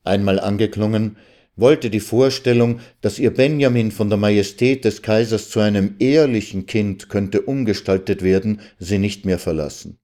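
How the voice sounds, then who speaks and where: Male reader, low mellow voice, calm measured literary narration. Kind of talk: literary reading.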